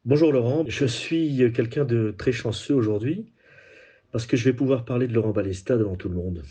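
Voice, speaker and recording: A man leaving a prepared, earnest tribute message in a measured, admiring manner. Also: mid-range voice, dark tone, husky. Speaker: industry acquaintance leaving a tribute.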